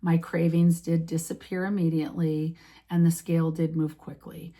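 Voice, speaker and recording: A woman in her late fifties talks casually to the camera, wandering through her thoughts with frequent fillers and self-corrections. Her voice sits low and sounds mellow and relaxed. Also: normal speed. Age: 50s. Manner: rambling, many restarts and fillers. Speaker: vlogger.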